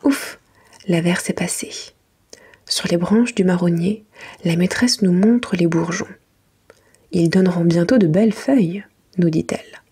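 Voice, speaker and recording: A woman reading a children's storybook in a soft, breathy library whisper, gently and without hurry, in an ASMR style. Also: on the low side, measured pace, pauses often.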